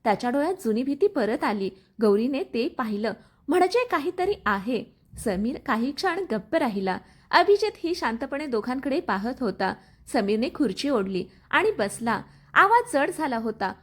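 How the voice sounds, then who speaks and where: A woman's voice: a little high, sing-song, normal speed. A woman narrating a dramatic story and reading the characters' lines with feeling.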